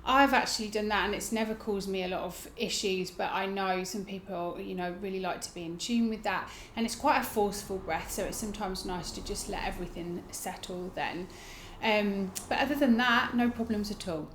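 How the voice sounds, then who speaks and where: A woman teaching a yoga breathing technique, explaining it informally and guiding gently with soft phrase endings. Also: mid-range voice, fairly quick, slight background noise. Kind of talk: instructional demonstration, casual explaining. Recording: roomy, echoing indoor sound.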